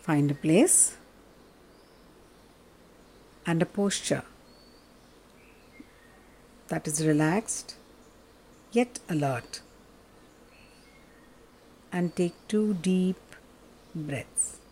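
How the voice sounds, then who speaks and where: Woman, guided meditation, soft and calm, very unhurried, long pauses, relaxed mellow tone. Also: fairly low pitch, a little hiss or hum. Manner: slow, soft, soothing delivery with long pauses.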